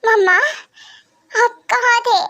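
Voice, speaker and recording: A woman's voice: very high voice, normal speed, pushed and bright. A woman voicing a sad, hurt teenage vampire son who talks in a tearful, pleading way in a fan voice drama. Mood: upset pleading.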